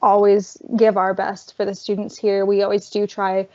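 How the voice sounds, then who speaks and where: A woman student worker giving a virtual orientation presentation, chatty and losing her voice, clearing her throat. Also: medium pitch, monotone, moderate pace, a little mellow. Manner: chatty, explains while cueing slides. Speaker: student worker presenting campus film events. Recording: dull lo-fi online call audio.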